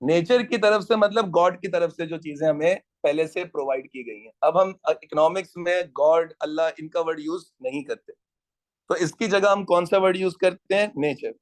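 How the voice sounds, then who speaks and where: High-voiced man lecturing a class. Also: normal speed. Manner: teasing asides to latecomers, quizzing students. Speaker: economics teacher. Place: classroom with students.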